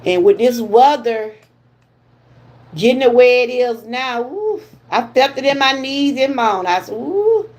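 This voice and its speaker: This wellness vlogger from Georgia, USA, is in her fifties and speaks with a Southern accent, keeping her livestream chat casual and sprinkled with folksy exclamations. She sounds a little high-pitched and animated but unhurried. The recording has its highs cut off.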